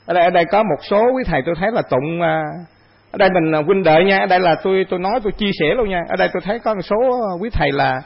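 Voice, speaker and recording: A man's voice: sits high, racing, husky, highs cut off. A man, a Buddhist monk, giving a conversational dharma talk to an assembly, asking himself questions and repeating phrases.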